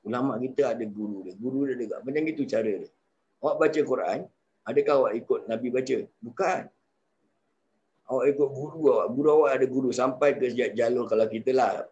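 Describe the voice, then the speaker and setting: A man with a Singaporean Malay accent giving a Quranic studies lecture, lively and often asking the class rhetorical questions. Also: medium pitch, highs cut off. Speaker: religious teacher.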